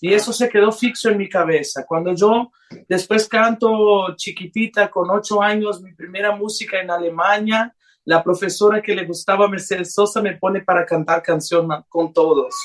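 A woman's voice: mid-range voice, fairly even intonation, normal speed. Earnest woman singer. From Brazil and Honduras. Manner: earnest, restarts and hesitant fillers. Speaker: singer, interview guest. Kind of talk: personal storytelling in a radio interview.

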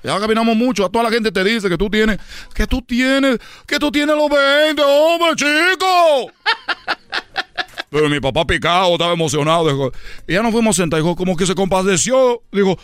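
A rambling, repetitive comic storyteller, a man putting on the role in a radio comedy sketch. The voice sits high and sounds smooth and clear, and he chuckles at his own jokes as he goes. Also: lively intonation, moderate pace, a bit bright, no echo. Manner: rambling, repeats himself, laughs at own jokes. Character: rambling man, son of a dictator.

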